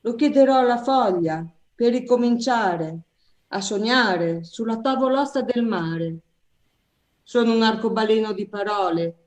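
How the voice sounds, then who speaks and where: A woman's voice: on the high side, darkish tone. Woman reading poetry in an echoey room. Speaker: poet reading her poem. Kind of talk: slow poetry recitation.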